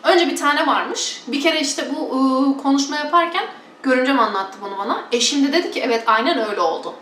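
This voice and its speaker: A woman's voice: high-pitched, fairly quick, a bit bright, reverberant, far from the mic, a little hiss or hum. A woman from Turkey chatting casually and bluntly to her followers, mocking preachers with exaggerated imitations. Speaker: vlogger.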